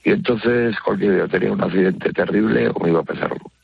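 Older man, very gravelly smoker's rasp, low pitch, halting casual talk, dull lo-fi radio call. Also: dry recording. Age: older, early retired. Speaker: radio listener calling in. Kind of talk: casual conversation, personal account.

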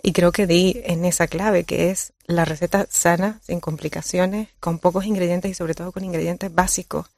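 A woman's voice: fairly low pitch, fairly even intonation, moderate pace, hardly any pauses, darkish tone, no echo. A woman from Colombia, a cook guesting on a radio show, who talks hesitantly and searches for her words. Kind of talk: radio interview. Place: radio studio.

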